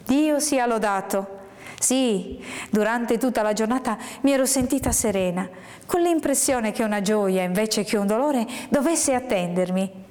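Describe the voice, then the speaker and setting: A woman reading a first-person literary story aloud in a measured, hushed way, sometimes sinking into a whisper. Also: on the high side, lively intonation. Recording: long hall reverb.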